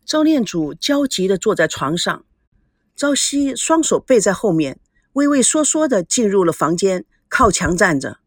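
Breathy, animated woman narrating a story. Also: medium pitch, normal speed, soft background music. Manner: expressive, animated reading. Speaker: audiobook narrator.

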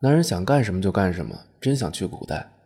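A man's voice: low voice, big pitch swings, fast, a little mellow, husky, heavily acted. A man voicing a foolish modern man thrown into the past, who talks in a whiny, pleading way. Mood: eager.

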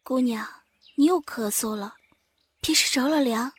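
A devoted young maidservant speaks in a high, gentle, soothing voice, fussing over her sick mistress, acted by a man reading the story. She sounds tender and attentive, with a storyteller's clarity. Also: measured pace, breathy edge, no echo, heavily acted. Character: caring young maid, gentle and worried.

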